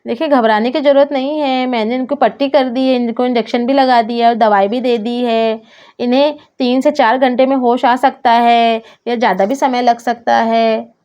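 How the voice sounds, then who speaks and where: A woman voicing a brisk, impatient woman doctor who scolds her patient's family, in a doll story. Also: fairly high pitch, steady tone, a little mellow, lightly acted. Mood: reassuring. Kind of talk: doll story role-play. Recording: dull lo-fi sound.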